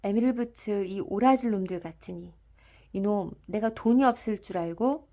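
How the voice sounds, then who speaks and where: A loud, blustering drunken rickshaw man bellows and brags, as a woman reader puts him on. His voice sits a touch above her own, in a mellow, warm tone. The storybook reading turns rough and swaggering on each line. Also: medium pitch, a little slow, close to an everyday voice. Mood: drunken rage. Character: drunken middle-aged male rickshaw puller, brash and boastful. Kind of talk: dramatic audiobook reading.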